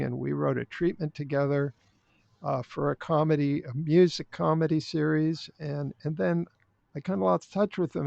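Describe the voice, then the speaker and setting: Blunt gravelly older man, dry lo-fi. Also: fairly high pitch, darkish tone, no room sound. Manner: blunt, opinionated, halting with restarts. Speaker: podcast guest. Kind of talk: casual interview chat. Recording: dry, dull lo-fi sound.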